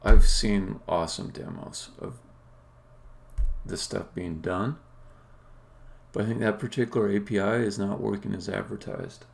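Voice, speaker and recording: During a live coding stream, a game developer thinks aloud in a casual, halting way. His voice is fairly low, gravelly, and steady in tone.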